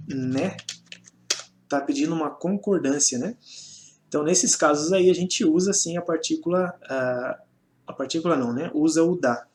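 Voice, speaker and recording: Brazilian male tutor, casual online lesson, a touch high-pitched, faint typing noise. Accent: Brazilian Portuguese. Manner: chatty, fills with "né?" and restarts while typing examples. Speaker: Japanese teacher.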